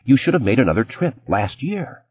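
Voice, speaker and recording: A man reading an audiobook, voicing a sharp, image-conscious ex-wife who scolds in a clipped, indignant way. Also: mid-range voice, big pitch swings, brisk, slightly rough, highs cut off, voice pushed up. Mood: furious.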